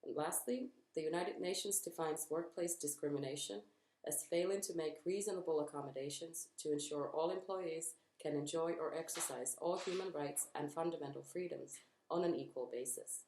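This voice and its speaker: A young woman, a student reading her part of a group presentation in a measured, formal way. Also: low voice, darkish tone, slight background noise. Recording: echoey room.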